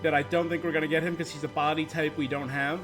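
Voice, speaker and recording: Over game music, a livestreaming gamer talks quickly in a slightly high, level voice, rambling casually and voicing his opinions as he thinks aloud.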